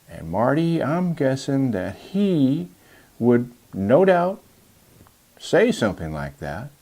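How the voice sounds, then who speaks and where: A man's voice: medium pitch, darkish tone. A man co-hosting a comedy show with showy, mock-serious banter. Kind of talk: comic banter.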